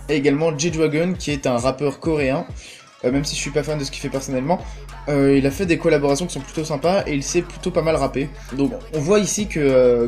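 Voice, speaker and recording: A man's voice: on the high side, darkish tone. A young man hosting a casual spoken album review, chatty and enthusiastic, with lots of "euh" fillers. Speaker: music reviewer, channel host.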